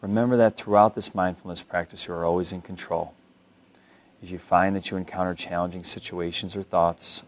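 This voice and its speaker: Guiding the listener through a body scan, a low-pitched male mindfulness instructor speaks calmly and without hurry. His instructions are gentle.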